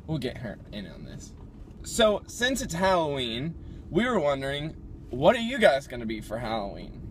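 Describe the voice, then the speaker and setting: A man's voice: on the high side, huge pitch swings, moderate pace. A young man chiming in with short agreements and jokes in casual chat from a car. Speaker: vlog co-host. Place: car outdoors. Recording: street and car noise behind.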